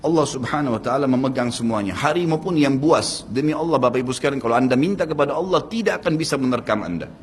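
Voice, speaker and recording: An earnest Indonesian-accented man preaching a sermon to his listeners. His voice sits at a middle pitch and rises and falls sharply when he stresses a point. A faint hum of ambience runs beneath the recording. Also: animated, fast, few pauses, in a large hall. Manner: earnest, addresses audience directly, swings pitch for emphasis. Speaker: Islamic preacher.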